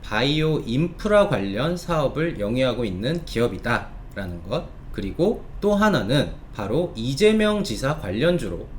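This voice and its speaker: Slight background noise sits under this man's stock market commentary, which doubles as a sales pitch. He explains things courteously and stretches important words to stress them.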